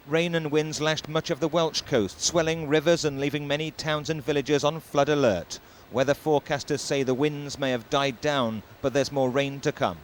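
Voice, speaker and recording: A man narrating a news report in a crisp, clipped reporter's style, heard from a worn VHS tape copy. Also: mid-range voice, a little hiss or hum. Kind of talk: scripted news report voice-over.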